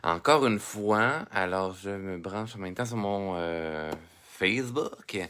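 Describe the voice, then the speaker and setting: Man, Québécois accent, live art lesson, chatty, laughs often, fairly low voice. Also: takes it slowly, fairly bright tone, clear, resonant tone. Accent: Québécois French. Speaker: drawing teacher.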